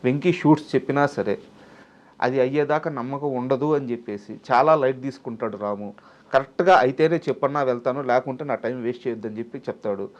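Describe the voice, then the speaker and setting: A man's voice: medium pitch, fast. A man interviewing a guest, pressing for direct answers. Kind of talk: casual interview questions.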